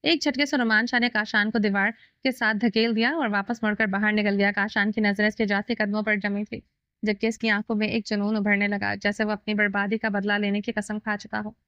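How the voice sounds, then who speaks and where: A woman reading a romantic novel aloud as narrator, with a steady, even storytelling delivery. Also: mid-range voice, a little fast, clean tone, no room sound. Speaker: audiobook narrator. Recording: dull lo-fi dry recording.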